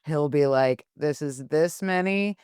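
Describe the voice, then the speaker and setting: Chatty female podcast co-host, clear voice. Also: low-pitched, a little slow, darkish tone, no room sound, studio quality. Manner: chatty, laughs often, quotes characters. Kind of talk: casual recap chat.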